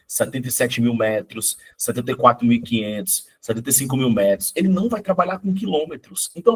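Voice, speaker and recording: A middle-aged man with a husky, medium-pitched voice, hoarse from a cold, teaches a live online math exam-prep class. His manner is chatty and coaxing, and he often checks in with his students.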